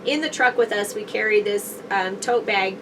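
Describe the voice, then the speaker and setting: A woman's voice: mid-range voice, normal speed. A woman with a stuffy, scratchy throat from allergies, co-hosting a casual RV vlog in an upbeat, chatty way from inside an RV. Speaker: RV vlog co-host. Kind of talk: casual chat. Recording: distant mic with steady background noise.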